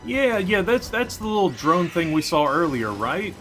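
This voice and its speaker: A man's voice: high voice, sing-song, normal speed, music in the background. A man doing casual, joking gameplay commentary, recorded somewhere with a cave-like echo. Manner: chatty and joking, laughs easily. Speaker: gameplay video host. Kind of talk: casual let's-play commentary. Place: unfamiliar room with poor acoustics, not his usual setup.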